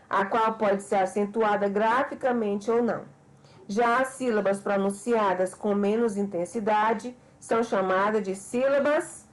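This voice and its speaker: This is a mid-range female voice on a poor-quality recording: a teacher from Brazil leading a grammar class online. Her delivery is slow and explanatory, and she addresses the students directly as "pessoal" with patient care.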